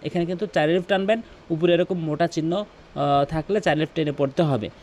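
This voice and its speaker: A man teaching Quran recitation, explaining pronunciation and then reciting phrases slowly and drawn out. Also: high voice, darkish tone, slight background noise. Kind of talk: tutorial on Arabic pronunciation.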